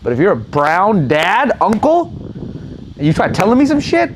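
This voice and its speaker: A man's voice: high voice, normal speed, noisy background. A man co-hosting a casual chat, telling stories bluntly and with plenty of swearing. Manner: blunt, profane, animated storyteller. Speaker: podcast co-host.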